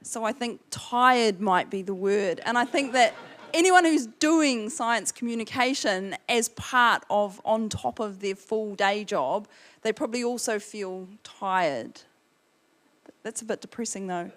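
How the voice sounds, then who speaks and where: A woman's voice: mid-range voice, expressive, measured pace, fairly bright tone. A woman panellist giving a candid, thoughtful answer.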